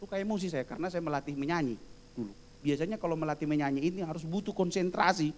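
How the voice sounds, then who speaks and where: A man's voice: fairly high pitch, fast talker, slight background noise. A middle-aged man from Indonesia giving a humorous sermon as preacher, acting out quoted voices in his stories and laughing often. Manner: frequent laughter.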